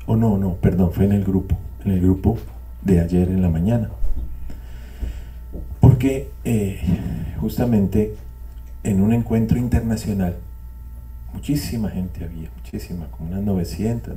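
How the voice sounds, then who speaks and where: A man's voice: sits low, fairly even intonation, unhurried, dark tone, distant mic. An older man sharing a reflective, repetitive testimony with a live audience, with wry digressions. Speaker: speaker at a spiritual community gathering. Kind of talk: reflective testimony talk to a group. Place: meeting room with a live audience.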